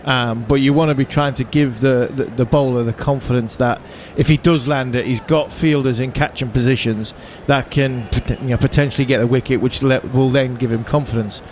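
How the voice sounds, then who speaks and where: A man's voice: medium pitch, steady tone, a little mellow. Pundit, male, mid voice, hesitant thinking-aloud delivery, faint noise behind. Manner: halting, many restarts and fillers. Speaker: cricket pundit. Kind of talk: casual analysis.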